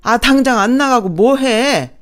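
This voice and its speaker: A woman's voice: on the high side, animated, unhurried, soft background music, pitched above the performer's own voice. A woman narrator voicing an older, hot-tempered father-in-law who barks insults. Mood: furious. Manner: barking, insulting.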